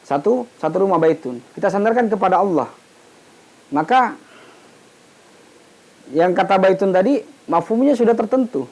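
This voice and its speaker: This Islamic studies teacher has a high, animated voice with a darkish tone, talking at normal speed and pausing often. His lesson is informal and explanatory: he raises questions, answers them, and frequently repeats half-said words to complete them.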